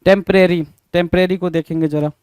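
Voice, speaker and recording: A man's voice: high voice, steady tone, a little fast, darkish tone, clean tone, dry recording. A man with an Indian accent teaching an English spelling lesson, going over answers casually and spelling words out letter by letter. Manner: casual, repeats words and spells them out letter by letter, says "bhai" often.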